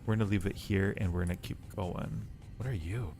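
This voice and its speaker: This male live streamer has a low, dark voice with a steady tone and talks a little fast. He plays a horror game, chatting playfully with viewers, muttering to himself, and reading on-screen text aloud while game music plays behind him.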